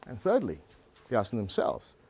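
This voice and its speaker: A middle-aged man giving a motivational business talk to a live audience, telling a story in a lively, conversational way. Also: fairly low pitch, moderate pace, slightly rough. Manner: animated, conversational storyteller with frequent "you know". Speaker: business speaker. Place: live presentation before an audience.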